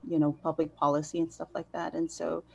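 Talking a little fast in a low, fairly flat voice that is creaky and slightly rough, a middle-aged census partnership specialist from American Samoa and Hawaii chats through interview questions. She appears as a guest from indoors over a dull, lo-fi video call.

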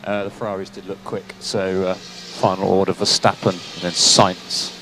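A man working as a race engineer, giving clipped, calm, terse pit radio calls over a team radio link. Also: sits low, normal speed. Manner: clipped, calm, procedural instructions. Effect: team radio transmission. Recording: noisy radio link with vehicle hum.

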